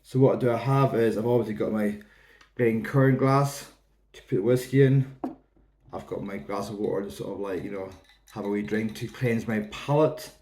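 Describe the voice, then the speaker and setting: A man's voice: lowish voice, normal speed, darkish tone, a little hiss or hum. A man in his thirties with a Hebridean Scottish accent, giving a casual, rambling review to camera in an informal, explanatory way. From Isle of Lewis, Outer Hebrides, Scotland. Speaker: whisky reviewer.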